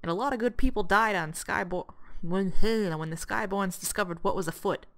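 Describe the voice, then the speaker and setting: A woman's voice: medium pitch, normal speed, a bit bright, lightly acted. Woman putting on a grumpy folksy old man. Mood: gruff, rueful. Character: folksy old man, gruff quartermaster of rebels. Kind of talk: hobby voice acting of a video game script. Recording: music behind the voice.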